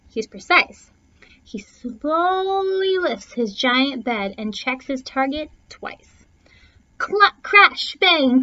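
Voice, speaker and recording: In a high-pitched, pushed, bright voice, a woman performs a rhyming children's picture book, stretching and punching key words with theatrical phrasing. The expressive read-aloud comes through with dull, lo-fi sound.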